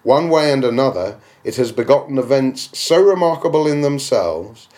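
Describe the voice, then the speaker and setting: Reading a classic novel aloud as an audiobook, a man uses a declamatory, rhetorical style. He speaks at a moderate pace in an expressive, slightly mellow mid-range voice.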